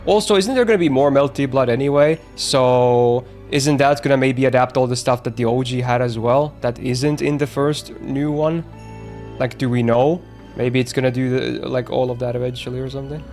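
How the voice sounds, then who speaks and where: A man's voice: mid-range voice, steady tone, moderate pace, a little mellow, faint music behind. Casual young male game streamer. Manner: casual, joking, reacts with laughs. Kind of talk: gameplay commentary and reading game text aloud.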